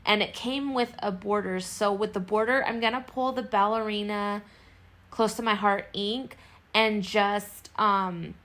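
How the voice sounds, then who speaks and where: A woman's voice: medium pitch, steady tone, unhurried, fairly bright tone. A woman giving a casual, chatty voice-over walkthrough as a craft tutorial host, explaining each step in a self-deprecating way.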